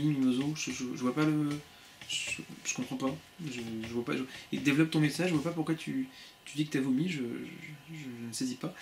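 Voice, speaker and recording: Male livestream host, mid-pitched, playful and rapid, stumbling restarts, laptop webcam sound with faint background noise. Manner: quick, playful, many restarts, reads chat aloud. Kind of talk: casual live chat with viewers. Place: home room with shelves of CDs.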